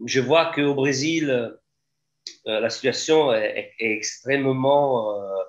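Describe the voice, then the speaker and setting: A man who works as a sound engineer, chatting as a guest over a video call in a halting way, with many fillers. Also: medium pitch, highs cut off.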